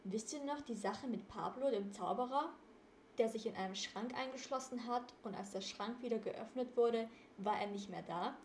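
A woman's voice: fairly high pitch, moderate pace, a little hiss or hum, close to an everyday voice. A woman reading the part of a clever, composed teenage boy detective who leads his friends. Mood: explaining. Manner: lecturing, composed. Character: clever calm teen boy detective leader. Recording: roomy echo.

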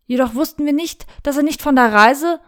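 A woman's voice: high-pitched, brisk, a bit bright, voice pushed up. A woman voicing an anxious young knight reporting urgently and earnestly.

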